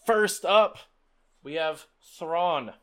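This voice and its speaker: A man's voice: a little high, very slow, fairly bright tone, clean tone. A man hosting a tabletop roleplaying game as game master, addressing players and audience.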